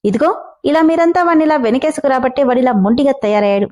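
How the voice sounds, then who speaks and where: A stern, hot-tempered middle-aged father scolds his son harshly in a storybook reading, as a woman puts him on. The voice sits fairly high and mellow, never gruff or deep. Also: expressive, fast. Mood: angry.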